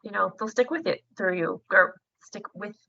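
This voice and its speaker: A woman's voice: medium pitch, moderate pace, gravelly, sharp tone, no echo, muffled recording. A young woman, a nursing student, chatting emotionally in an interview, with lots of fillers and laughter. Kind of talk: casual interview chat.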